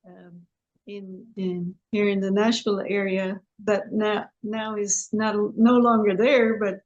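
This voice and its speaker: Woman from Sweden, singer-songwriter guest, interview, very slow, halting with restarts. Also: medium pitch, poor audio.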